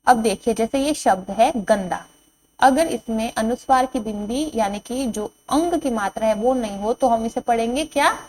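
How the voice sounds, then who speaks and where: Woman teacher for small children, higher voice, stretches every word and says it twice, faint hum on the track. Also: darkish tone, rough recording. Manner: slow, drawn-out reading of each word, then repeating it; asks the children questions and answers them herself. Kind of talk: classroom lesson at a board.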